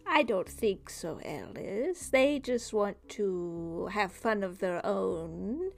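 A woman voicing a sinister dream spirit who talks slowly and keeps adding a drawn-out "yes". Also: medium pitch, lively intonation, creaky. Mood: coaxing, eerie. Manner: slow, drawn-out, hissing "yes" after phrases.

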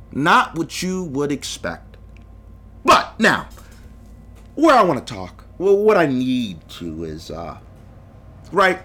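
A young man hosts his solo podcast in a high, lively voice that swings widely in pitch. His tone is bright and pointed, and he gets heated, hammering his points by repeating them. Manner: heated, emphatic, repeats phrases for punch. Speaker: podcast host. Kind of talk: solo sports podcast rant.

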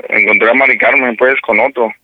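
A man's voice: medium pitch, fairly even intonation, slight background noise. A Mexican man playing an upset husband in a prank phone call, hesitant and full of restarts. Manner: halting, hesitant, restarts a lot. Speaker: prank caller, radio host.

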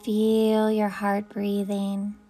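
Casting note: woman meditation guide, very unhurried delivery, soft music underneath. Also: medium pitch, monotone. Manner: soft, slow, soothing invitations.

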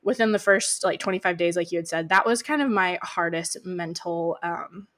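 A woman co-hosting a podcast, speaking candidly and reflectively with many pauses. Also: fairly low pitch, fairly bright tone. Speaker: podcast co-host. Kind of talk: casual podcast chat.

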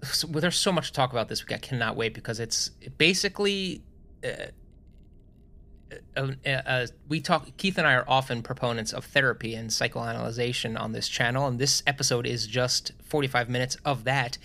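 A man's voice: mid-range voice, a little fast, gravelly, sharp tone. A young adult man co-hosting a podcast, talking in a rambling, enthusiastic way with lots of restarts. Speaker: podcast co-host. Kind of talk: casual podcast chat.

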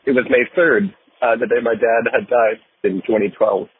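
A man's voice: mid-range voice, fairly even intonation, moderate pace, slightly rough, no room sound. A man leaving a hesitant voicemail over the phone, full of ums and uhs. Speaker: caller. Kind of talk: recorded voicemail story. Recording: tinny phone line with faint noise.

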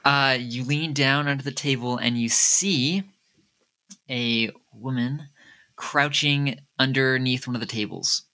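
A man narrating a murder-mystery tabletop game as game master, speaking unhurriedly and haltingly with many fillers. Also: mid-range voice, pushed and bright.

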